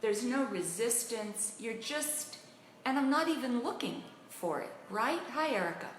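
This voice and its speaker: A middle-aged woman hosting a live video as a relationship coach, telling everyday stories in a casual, animated way and greeting viewers by name. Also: a little slow. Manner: animated, acts out quotes with pitch jumps and laughs. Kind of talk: casual live-stream storytelling. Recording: echoey room with faint noise.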